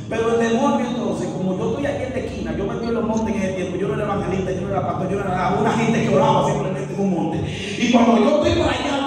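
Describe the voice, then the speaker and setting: A man preaching a sermon, passionate, swinging between loud and hushed and acting out his stories. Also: high-pitched. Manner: tells stories with acted quotes. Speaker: pastor. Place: church hall. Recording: echoey hall from far off, music behind.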